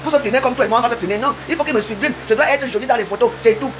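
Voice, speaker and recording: Lady in her 50s ranting on a live stream, talks fast, teasing and rambly, noisy audio. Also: fairly high pitch. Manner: chatty, rambling, teasing, addresses viewers directly. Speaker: social media live streamer. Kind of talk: casual live-stream rant.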